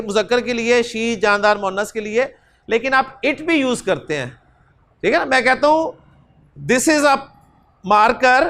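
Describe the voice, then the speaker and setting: A man teaches a grammar lesson. He repeats short pronoun forms in a steady chant and peppers his explanations with a polite "ji". He gestures with his hands as he talks. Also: very high-pitched. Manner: drills pronouns in chanted repetition, says "जी" often. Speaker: Arabic teacher. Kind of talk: classroom-style grammar lesson.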